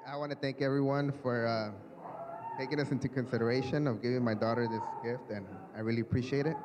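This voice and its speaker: Man, medium pitch, earnest thanks, clear background noise. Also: steady tone, fast. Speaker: recipient's father. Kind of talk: short thank-you speech. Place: banquet hall, indoors. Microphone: handheld microphone through PA. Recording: noisy event room.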